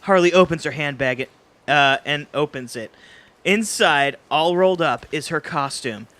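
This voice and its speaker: A man narrating stage directions in a live script read-through, reading briskly with small slips. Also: on the high side, a bit bright, dry recording.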